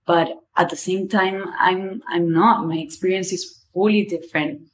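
Talking at a moderate pace with fairly even intonation, this podcast host has a fairly low-pitched voice, and a little hiss or hum runs under it. She's in her twenties, Argentinian-accented and a native Spanish speaker, and her personal monologue is candid and rambling, with casual swearing.

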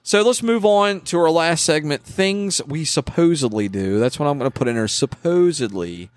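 Animated man, lively pitch. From West Virginia. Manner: animated, opinionated, quick to scoff. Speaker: podcast host. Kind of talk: casual chat.

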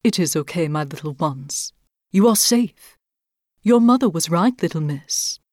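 A woman's voice: fairly low pitch, animated, a little slow, dry recording, clean studio sound. A woman voicing a protective mother owl who speaks in a commanding, firm way to guard the little ones. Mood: reassuring. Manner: commanding, then gently reassuring.

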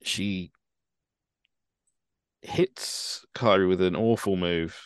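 A man with a very deep voice talks in a dry, wry, opinionated way. His voice sits close and dry, with no room sound around it. He speaks in a relaxed, chatty manner. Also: very slow, smooth, dry recording. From United Kingdom. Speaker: podcast host. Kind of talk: casual chat.

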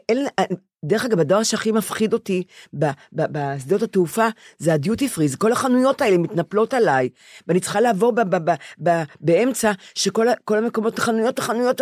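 A woman's voice: medium pitch, expressive, darkish tone, no room sound, clean studio sound. An older woman chatting casually, telling her stories emphatically and often repeating herself. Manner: emphatic, repetitive storytelling. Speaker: podcast co-host. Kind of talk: casual chat.

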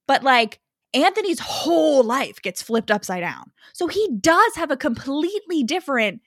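A young woman co-hosting a casual book podcast, animated and quick to laugh, with lots of "like". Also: sits high, dry recording, clean studio sound. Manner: animated, laughs often, many likes. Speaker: podcast co-host.

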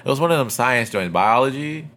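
A man's voice: mid-range voice, animated, a little fast, fairly bright tone. A young man telling school stories in casual slangy chat, acting out what others said. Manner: laid-back slangy storytelling, acts out quotes.

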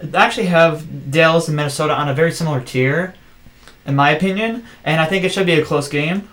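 Measured man giving sports analysis. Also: fairly high pitch, fairly bright tone. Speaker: podcast co-host. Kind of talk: casual sports chat.

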